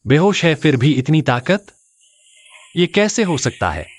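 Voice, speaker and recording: A man's voice: fairly high pitch, big pitch swings, unhurried, dry recording. A flustered young male lead. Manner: flustered, exasperated.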